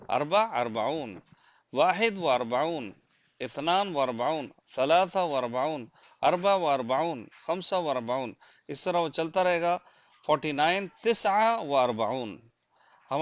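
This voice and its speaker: Man, Pakistani Urdu accent, patient teacher, smooth voice, raised pitch, dull dry recording. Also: fairly bright tone. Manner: patient, repetitive counting with rhetorical checks. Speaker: language teacher. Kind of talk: slide-based language lesson. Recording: dull, lo-fi dry close mic.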